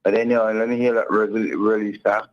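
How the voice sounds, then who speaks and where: A man's voice: on the low side, fairly even intonation, quick pace. A man calling in to a radio show over the phone, rambling in a friendly way and repeating his words. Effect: over the phone line. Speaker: radio call-in caller. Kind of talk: casual call-in chat. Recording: dull lo-fi phone line.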